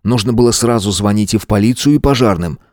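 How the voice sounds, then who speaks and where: A man reading an audiobook in a steady, measured narration. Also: fairly low pitch, no room sound, studio quality. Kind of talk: scripted narration.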